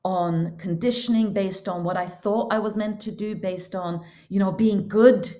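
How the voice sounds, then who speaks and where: As a podcast guest in a casual interview, a Norwegian counselor and coach in middle age shares earnest reflections on her inner journey. Her medium-pitched voice is warm, fairly even in intonation and measured in pace.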